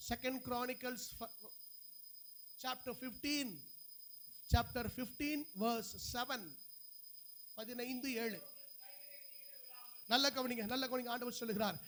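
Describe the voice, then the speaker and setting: A man preaching in a church with a strikingly high, gravelly voice. He repeats his lines and calls out to the congregation, rising into loud proclamation and then dropping to a hushed plea. His tone is sharp and bright, and there is a faint hiss behind him. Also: steady tone, very slow, long pauses. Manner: emphatic, swings between loud proclaiming and hushed pleading. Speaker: pastor. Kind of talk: Pentecostal-style sermon.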